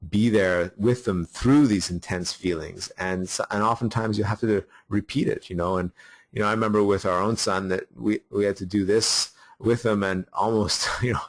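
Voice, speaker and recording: A man's voice: fairly low pitch, fairly even intonation, moderate pace. A man hosting a parenting webinar, talking off the cuff with many fillers and restarts. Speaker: webinar host. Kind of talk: unscripted teaching talk.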